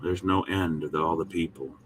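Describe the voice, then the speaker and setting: A man teaching the Bible in a short devotional, speaking in a folksy, emphatic manner with pauses between short phrases. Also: very deep voice, slight background noise, low-quality recording.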